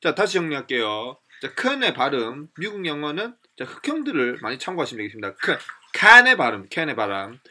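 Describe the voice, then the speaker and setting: Male pronunciation teacher, Korean accent, slightly high voice, bright, drills lines with lively swings. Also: brisk. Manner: animated, repeats and drills example phrases. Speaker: English pronunciation instructor. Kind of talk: lively classroom lecture with demonstrations.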